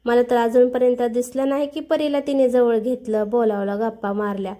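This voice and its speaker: A woman voicing a sharp-tongued older aunt who accuses and scolds in a raised voice. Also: a little high, steady tone, moderate pace, close to an everyday voice. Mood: accusing. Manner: scolding, raising her voice.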